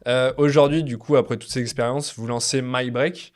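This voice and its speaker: A man hosts a relaxed podcast interview. He asks his questions haltingly, full of pauses and fillers. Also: medium pitch. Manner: hesitant, many fillers. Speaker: podcast host. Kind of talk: casual interview.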